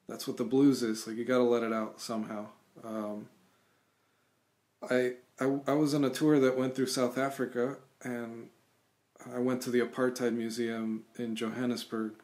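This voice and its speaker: A man in his thirties, born in Cuba, answering interview questions thoughtfully over a video call from a small room at home, with frequent pauses and restarts. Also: medium pitch, a little mellow. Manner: thoughtful, halting, many restarts and fillers. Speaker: guest musician. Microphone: webcam on video call.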